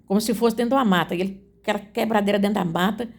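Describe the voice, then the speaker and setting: A woman shares an emotional religious testimony in an earnest, racing delivery, repeating her phrases and repeatedly turning to her listeners as "gente." Her voice is mid-range and gravelly.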